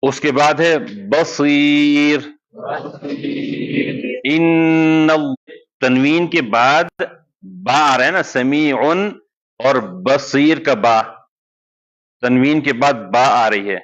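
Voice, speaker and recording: Man, mid-pitched, patient classroom explainer who stretches out recited examples; dull lo-fi recording. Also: fairly bright tone. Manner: explains step by step, slowly drawing out recited words as examples. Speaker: Quran recitation teacher. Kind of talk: classroom lesson. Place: madrasa classroom.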